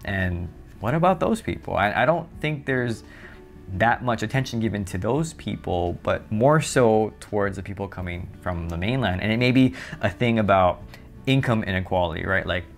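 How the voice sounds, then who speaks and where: A man's voice: lowish voice, expressive, normal speed, faint music behind. A man, talking casually and thoughtfully to the camera as a YouTube host. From Hawaii.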